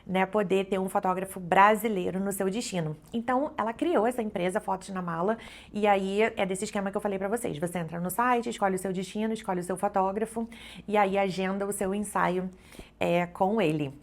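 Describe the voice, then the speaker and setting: A middle-aged Brazilian woman who vlogs about travel and takes photos chats casually to camera in a fairly quick, medium-pitched voice. Her Brazilian Portuguese accent comes through, and she talks to her viewers in a chatty way, dropping lots of little "né" and "então" fillers.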